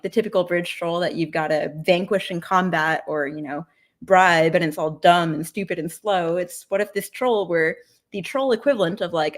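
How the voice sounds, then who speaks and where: A woman author chatting casually in a livestream interview, rambling with lots of "like" and playful self-deprecating asides. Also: lowish voice. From United States. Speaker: author guest.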